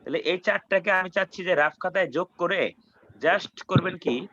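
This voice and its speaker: A man supervising a thesis over a video call, dictating instructions slowly and checking that his students follow. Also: sits high, sharp tone. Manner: dictates slowly word by word, checks understanding often. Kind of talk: online thesis guidance session. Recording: dull lo-fi call audio with noise.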